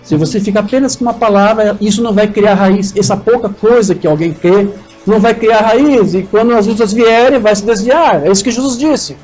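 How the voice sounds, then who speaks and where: A Brazilian preacher, speaking with a Brazilian Portuguese accent in a high voice and at a fairly quick clip, leads a sermon and prayer while fervently urging the congregation to say amen. Soft music plays beneath him, and the recording is rough.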